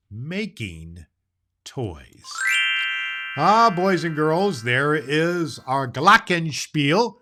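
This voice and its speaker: A man's voice: medium pitch, bright, forceful tone, slight background noise. A man playing a jolly, grandfatherly old Santa Claus, hosting a children's show in a folksy, emphatic way. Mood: jolly, kindly. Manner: folksy, emphatic, drawn-out phrases with hearty ho-ho-hos. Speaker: show host.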